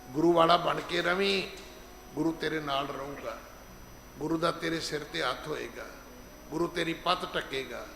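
A middle-aged man giving an emphatic sermon as head preacher, slowing down to stress scripture and acting out the people he quotes. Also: sits high, gravelly, pushed and bright, slight background noise. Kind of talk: gurdwara sermon. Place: large gurdwara hall. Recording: echoey hall with long reverb, faint ambience.

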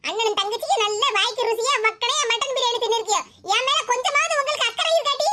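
Brief: a bitter old cartoon mother with a Tirunelveli Tamil accent, nagging and self-pitying, pitched extremely high over loud noise. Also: fast talker. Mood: scolding. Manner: scolding, self-pitying laments. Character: grumbling old mother, bitter about her children. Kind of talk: cartoon voice acting.

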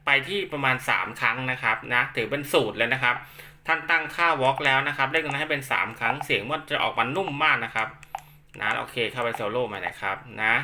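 Slight background noise sits behind a man whose medium-pitched voice has a sharp edge. He is an instructor showing off equipment, casually explaining things step by step with plenty of repetitive polite particles.

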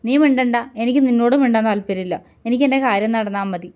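A brusque young husband, gruff and mocking, barking short orders at his wife, as a woman reads him in her storybook voice. He teases through scorn. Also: fairly high pitch, quick pace, a little mellow, close to an everyday voice. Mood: angry.

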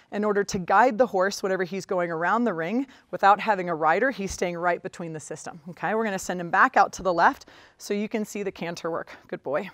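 A woman riding instructor teaching a lesson while lunging a horse, talking calmly and stopping often to praise the horse. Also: medium pitch, no room sound.

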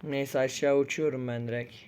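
A young man commenting on his own game play, frustrated and pleading, muttering one moment and yelling the next. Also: mid-range voice, fairly even intonation, moderate pace, clear, resonant tone. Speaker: gaming streamer. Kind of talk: Minecraft-style game commentary.

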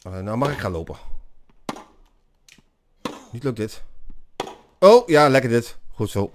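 Man, casual gameplay commentary, animated up-and-down voice, excited exclamations, clear game sounds underneath. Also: medium pitch, unhurried. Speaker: gamer, channel host. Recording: clear game noise behind.

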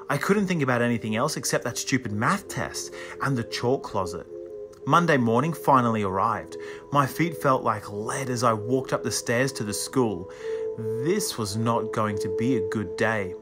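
A man reading a children's horror story aloud in a measured, suspenseful first-person narration, with music underneath. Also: medium pitch. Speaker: audiobook reader.

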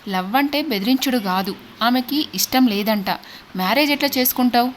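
A woman's voice: on the high side, a little fast, slight background noise, lightly acted. Woman doing a stern, fatherly village elder. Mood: firm. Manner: scolding, fatherly, dialect speech. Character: stern but kind older village man.

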